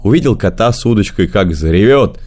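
A man narrating children's fairy tales as an audiobook, in a lively, expressive storytelling manner. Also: lowish voice, brisk, soft background music.

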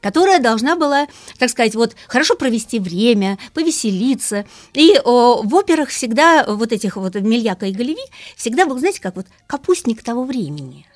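A woman guest speaking as a music expert, explaining things lively and asking rhetorical questions. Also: on the high side, fairly quick, few pauses, dry recording. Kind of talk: radio talk about opera.

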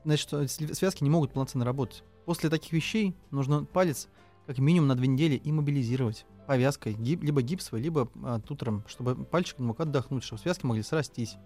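A man's voice: mid-range voice, fast talker, mellow, faint music behind. A man working as a trauma surgeon, answering listener questions on radio, talking with many fillers and restarts.

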